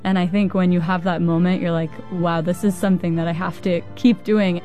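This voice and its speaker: A woman's voice: fairly low pitch, level tone, brisk, warm tone, soft background music. A woman from Virginia, an opera singer, reflecting on how she came to opera.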